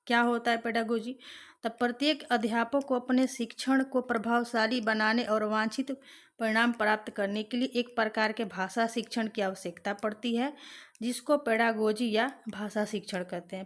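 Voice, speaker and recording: Woman explaining exam answers. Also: on the high side. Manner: explanatory, repeats questions, frequent fillers. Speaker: teacher. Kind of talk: exam-prep lesson, reading out questions and answers.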